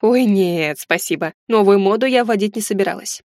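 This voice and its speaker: A no-nonsense young heroine, voiced by a woman reading the story, who answers in calm, clipped phrases. The voice sits at a middle pitch, close to the reader's own. It is recorded close and dry. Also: moderate pace, dry recording, natural voice. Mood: firm. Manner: calm, curt. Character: level-headed young heroine, dry and firm.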